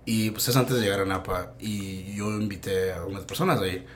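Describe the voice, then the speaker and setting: A man with a Mexican accent chatting eagerly, dropping quick agreements and slang. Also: deep voice, a little hiss or hum. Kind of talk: casual chat.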